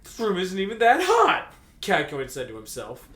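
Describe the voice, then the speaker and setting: This co-reader is a man whose high, fairly bright voice swings hugely in pitch as he reads fan fiction aloud at a moderate pace. His delivery is comedic and mock-dramatic, full of joking banter and commentary. Faint background noise sits under the echoey room sound.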